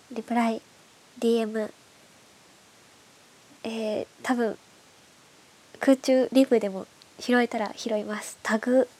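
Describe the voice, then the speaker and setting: A woman's voice: on the high side, darkish tone. Nasal, congested woman hosting bedtime radio. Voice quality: nasal, stuffed-nose voice. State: congested from hay fever. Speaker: host of a bedtime radio show. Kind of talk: soft, casual late-night radio chat. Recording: clearly audible background hiss.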